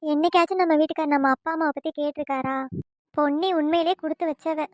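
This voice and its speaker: A woman's voice: high-pitched, steady tone, quick pace, no room sound, studio quality, natural voice. A woman voicing an envious elder sister-in-law in a family cartoon, muttering wistfully.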